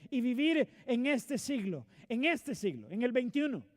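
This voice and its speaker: A man's voice: very high voice, very animated, a little slow. A male pastor preaching a sermon in a church, earnest and direct with his congregation. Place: church sanctuary.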